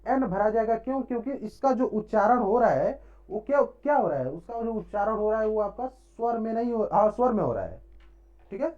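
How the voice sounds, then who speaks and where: A man's voice: sits high, expressive, fairly quick. A man teaching an English grammar lesson, asking questions and answering them himself with frequent short check-ins. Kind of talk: classroom-style grammar lesson. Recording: dull lo-fi recording.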